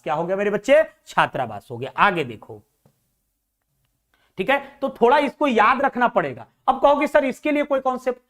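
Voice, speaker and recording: A male teacher gives an exam-prep lesson. He asks his students questions and answers them himself, reading English sentences slowly word by word. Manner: voice drops low and soft at the end of answers.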